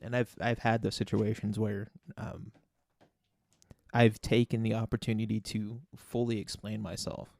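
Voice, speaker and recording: A man's voice: on the low side, little pitch movement, a little slow, vocal fry, darkish tone, no echo, studio quality. A man co-hosting a casual podcast, explaining himself earnestly and carefully, with many fillers and restarts. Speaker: podcast co-host.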